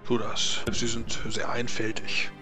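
A man's voice: on the low side, completely flat delivery, measured pace, natural voice. A grave male dwarf of a temple, acted by a game master. He is terse and disdainful of humans, in a tabletop role-play with music underneath. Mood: stolid.

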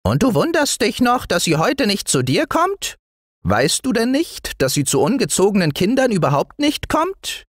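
A man voicing a small gray male forest dwarf in a bedtime storybook, with a thin, high voice and a scolding manner. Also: normal speed, no room sound, clean studio sound, full character voice. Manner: scolding, lively. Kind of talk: storybook reading.

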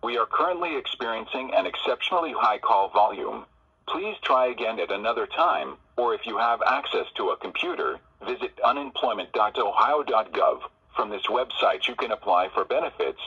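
A man's bright, husky voice plays back as a recorded phone message over a dull, lo-fi line. He reads menu options and notices in a measured, formal, instructive way. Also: fairly low pitch, animated.

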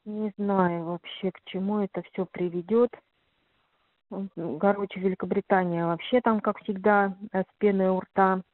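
A woman's voice: medium pitch, steady tone, normal speed, no echo. A middle-aged woman chats casually on the phone. The line is tinny and narrow, with little room sound, and her talk rambles along in everyday slangy language. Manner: rambling, colloquial. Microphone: telephone.

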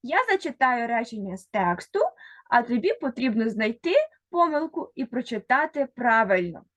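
A woman teacher leads a reading lesson for first graders, sounding words out one by one at an unhurried pace. Her voice sits fairly high and swings up and down a great deal as she addresses a single child and waits for replies. The sound is dry and close. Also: sing-song, fairly bright tone, no echo. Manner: speaks directly to one child, pausing for answers. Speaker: primary school teacher.

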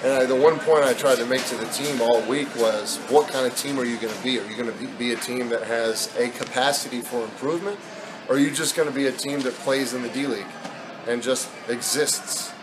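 A man's voice: medium pitch, steady tone, fairly quick, background noise. A man in his thirties, a basketball head coach, talking candidly with many fillers in a postgame press interview. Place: indoor press backdrop at an arena.

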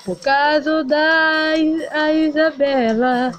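A woman's voice: high-pitched, steady tone, slow, faint music behind. A woman voicing a heartbroken male doll singer in a toy play video, melodramatic and sing-song. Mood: lovesick lament.

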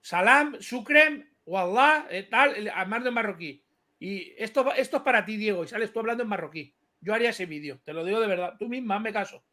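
A man's voice: high-pitched, quick pace, fairly bright tone. A man on a live chat show, teasing and boisterous, swearing freely in heated banter.

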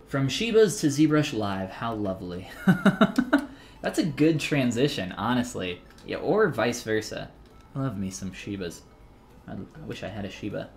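A man's voice: medium pitch, big pitch swings, measured pace, gravelly, faint music behind. A man in his thirties, talking casually and joking while he teaches 3D sculpting on a live stream, reading chat messages aloud between steps.

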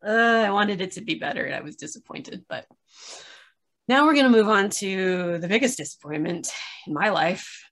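A woman's voice: mid-range voice, expressive, normal speed, fairly bright tone. Woman griping casually over a video call. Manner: candid, laughs often while griping. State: tired. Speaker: podcast reviewer. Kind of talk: casual critical chat.

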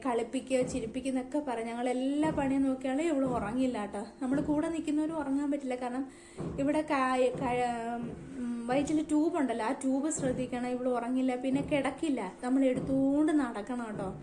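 A woman's voice: high-pitched, brisk, roomy sound, noisy background. A middle-aged woman tells her family's story to camera in an emotional way, often adding "you know". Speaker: vlogger, mother.

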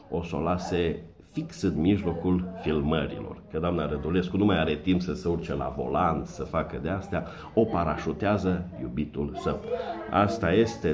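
A man delivering a satirical comedy monologue, mocking and sarcastic, full of puns. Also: low voice. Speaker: satirical commentator.

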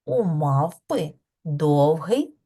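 Preschool teacher, woman, middle-aged; mellow tone, slow drawn-out questions, warm praise. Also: low voice, animated, husky. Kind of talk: preschool lesson.

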